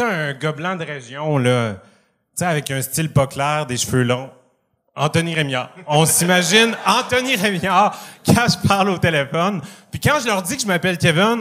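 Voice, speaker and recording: A man's voice: fairly high pitch, a bit bright. A young man with a Quebec French accent doing a self-deprecating stand-up routine on a comedy club stage, laughing at his own jokes.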